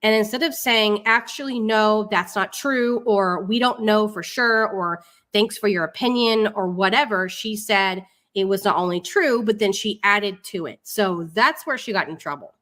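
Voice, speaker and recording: This livestream host speaks in a mid-range, fairly bright voice at a moderate pace with few pauses. Her live online commentary alternates between reading text aloud and making casual remarks, delivered with informal sarcasm and mockery.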